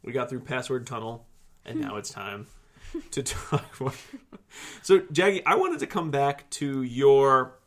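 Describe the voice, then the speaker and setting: A man's voice: mid-range voice, wildly swooping pitch, measured pace. A man hosting a podcast about behavior analysis, chatting in a playful, rambling way. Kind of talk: casual chat.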